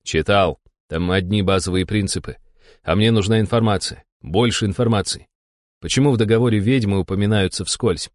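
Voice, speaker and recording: A man's voice: fairly low pitch, a little fast, dry recording, studio quality, close to an everyday voice. A man voicing a blunt, frustrated young male inquisitor in an audiobook. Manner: blunt, frustrated, plain-spoken. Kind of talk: audiobook dialogue.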